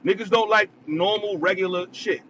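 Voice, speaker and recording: A man's voice: sits high, moderate pace, a bit bright. Insistent man on a car phone call. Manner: insistent, repeats himself to hold the floor. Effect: phone call from a moving car. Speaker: call-in guest. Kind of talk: heated podcast debate. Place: driving in a car. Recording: phone line with car noise. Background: vehicle noise.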